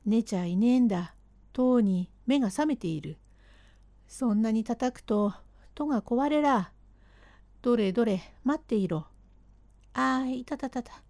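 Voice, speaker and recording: A woman voicing a grumbling old man, an Edo-era fortune-teller with a gruff delivery. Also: fairly high pitch, expressive, a little slow, long pauses, mellow, no room sound.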